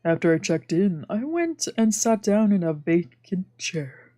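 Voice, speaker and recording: Faint game music plays while a woman streamer narrates a visual novel and chats casually, let's-play style. Her lowish, warm voice moves unhurriedly with big swings in pitch.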